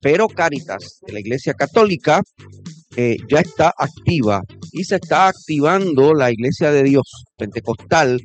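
A man hosting a radio news segment, reading headlines in a brisk delivery. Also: fairly high pitch, lively intonation.

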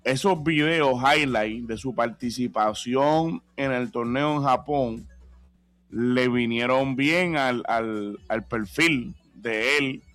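A man's voice: mid-range voice, slow, a bit bright, dry recording, faint music behind. A man, co-hosting a casual sports radio show. He steers the talk with prompting questions and repeats himself for emphasis. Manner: conversational, repetitive, prompting.

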